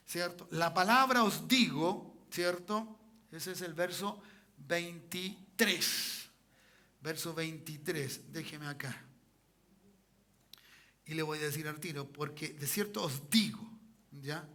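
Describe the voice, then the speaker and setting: A man preaching in a church, his voice sitting high for a man and ringing very bright and forceful. He drives his points home by repeating them and keeps checking in with his congregation. He asks them for amens as he goes. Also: slow pace, long pauses. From Chile. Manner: repetitive, peppers lines with "¿cierto?" and "¿ya?". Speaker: pastor. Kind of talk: sermon.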